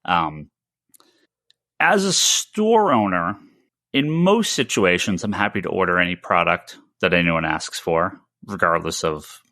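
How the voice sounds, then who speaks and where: A podcast host who also owns a comic shop gives casual commentary in a fairly low, very bright, forward voice with lively intonation. He speaks haltingly, stammering at the start of phrases and repeating words, and he's recorded close and dry, without echo.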